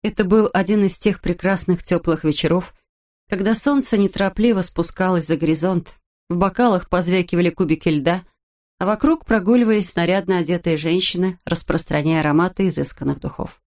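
Woman in measured audiobook narration. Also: fairly low pitch. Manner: measured, even reading.

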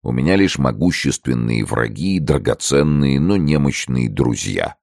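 A man reading as a proud, disgraced male minister in an audiobook, with solemn, measured speech. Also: a bass voice, expressive, creaky, a little mellow, no room sound, studio quality, exaggerated voice. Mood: grave.

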